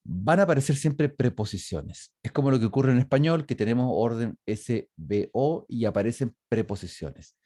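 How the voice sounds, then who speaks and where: Dark-voiced man lecturing online. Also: medium pitch, no echo, clean studio sound. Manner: explanatory, many fillers and self-corrections. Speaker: university lecturer. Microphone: video call microphone.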